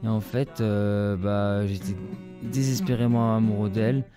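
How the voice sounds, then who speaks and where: A man casually introducing his own song, speaking in a halting, hesitant way. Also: lowish voice, flat delivery, music in the background. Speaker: songwriter.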